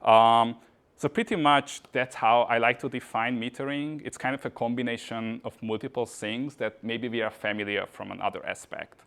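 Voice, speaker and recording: At a meetup venue, a conference speaker from Hungary delivers a relaxed tech talk, often filling gaps with "uh" and "kind of." He speaks at medium pitch in a steady tone and moderate pace, sounding fairly bright.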